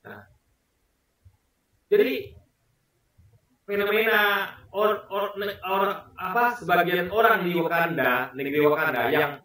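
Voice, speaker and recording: A man's voice: high-pitched, slow, pauses often, bright, forceful tone, heavy reverb, recorded from a distance, poor audio. A man in his forties from Indonesia, talking earnestly to camera in a casual vlog, stressing and repeating his points. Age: 40s. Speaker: vlogger. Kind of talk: casual spoken commentary to camera.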